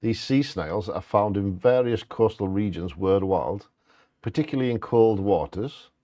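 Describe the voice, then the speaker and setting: A man's voice: fairly low pitch, a little slow, dark tone, dry recording, lo-fi sound. A man co-hosting, reading out facts informally and stumbling over scientific words.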